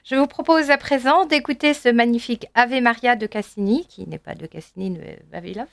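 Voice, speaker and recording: A woman's voice: on the high side, fairly quick, gravelly, no echo, studio quality. A woman hosting a program, thanking a guest and announcing the next piece of music. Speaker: radio host. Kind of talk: program presenting.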